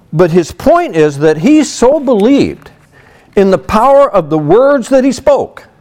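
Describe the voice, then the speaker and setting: This pastor, a middle-aged man, has a high voice with a darkish tone. He works through a Bible passage in a chatty sermon, filling his explanations with "you know."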